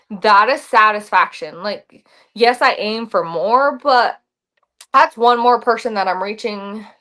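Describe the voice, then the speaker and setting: A young adult woman telling stories casually, lively and saying "like" often. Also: on the high side. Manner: animated, says "like" often, acts out quotes. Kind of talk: casual storytelling.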